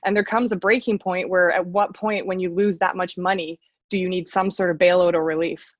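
A woman executive being interviewed from her home over a computer call, speaking in a measured, plain-spoken way. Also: fairly low pitch, fairly even intonation, no room sound, muffled recording. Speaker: transit agency CEO guest. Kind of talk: remote interview.

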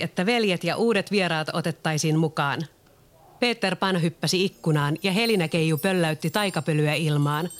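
Calm reader of a children's story. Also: medium pitch. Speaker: narrator. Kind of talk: scripted children's story narration.

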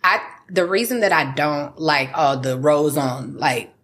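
Young woman, podcast host, low voice, frank and profane, casual. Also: measured pace, fairly bright tone, a little hiss or hum. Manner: candid, blunt and profane. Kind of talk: casual chat.

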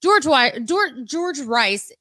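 Bright lively woman co-hosting a podcast, bubbly, laughs a lot, dry mic. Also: high voice, slow pace, no room sound. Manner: bubbly, laughs often, animated. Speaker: podcast co-host. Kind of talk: casual chat.

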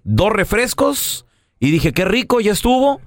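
A man's voice: high voice, big pitch swings, measured pace, no room sound. A man with a Mexican accent hosting a radio show, telling anecdotes in slangy casual chat and acting out the voices. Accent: Mexican Spanish.

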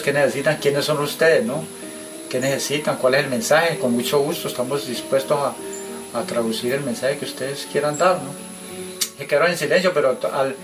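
A man with a Colombian Spanish accent recounting a night encounter in a halting, storytelling way. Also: medium pitch. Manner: hesitant storytelling, quoting dialogue. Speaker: witness caller. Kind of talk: recorded testimony. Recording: distant audio clip with music underneath.

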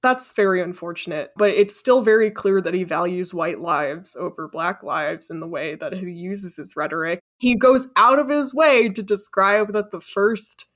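A woman's voice: lowish voice, moderate pace, few pauses. A woman co-hosting a podcast, talking casually and animatedly about films, with sarcastic asides. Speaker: podcast co-host. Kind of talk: casual film discussion.

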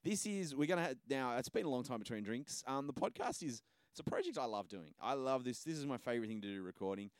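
A man's voice: mid-range voice, lively intonation, fast, clean tone, no room sound. A man hosts a podcast in a loose, rambling way. His voice is dry and close, with no room around it. He talks casually and pokes fun at himself. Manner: self-deprecating, rambling. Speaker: podcast host.

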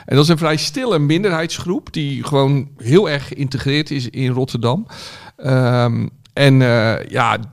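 A man talking on a podcast panel in a gravelly, creaky voice. He spins out long stories, full of hesitations and filler sounds. His pitch sits in a middle range. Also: unhurried, few pauses. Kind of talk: casual chat.

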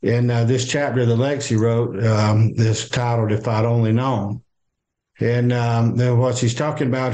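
Halting older Southern man, interviewee. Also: mid-range voice, darkish tone. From American South. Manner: halting, many fillers and restarts. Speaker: guest. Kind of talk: interview, personal account.

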